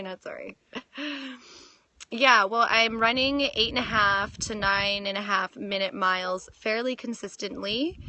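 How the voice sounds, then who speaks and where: Picked up on a phone with no room sound, this voice belongs to a thirtysomething woman from Canada running a relaxed live fitness Q&A. Her medium-pitched tone is pushed and bright as she laughs frequently and responds to viewer comments.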